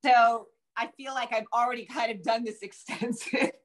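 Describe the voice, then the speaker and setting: Her pitch runs high but her tone stays steady, and she keeps a moderate pace. She's a middle-aged American novelist being interviewed over video from home, speaking casually and thinking as she goes.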